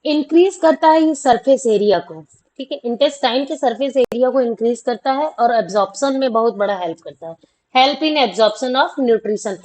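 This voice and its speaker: A woman explains a class 10 science lesson in a classroom, repeating questions and answering them herself while checking in with students through frequent "theek hai"s. Her voice is on the high side, expressive, and a little mellow at a normal speed, though the audio is poor.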